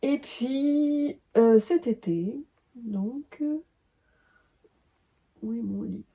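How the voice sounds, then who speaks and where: Slow, gravelly-voiced French woman vlogger. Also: on the high side, lively intonation, mellow. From France. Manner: hesitant, many fillers and restarts. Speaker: crafting vlogger. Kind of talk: casual chat.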